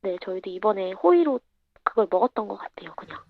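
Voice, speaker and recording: A young woman speaking as an interview guest over a remote line, her voice disguised by a pitch-changing filter, answering in a quiet, measured way. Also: very animated. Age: young adult. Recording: dull, muffled remote line.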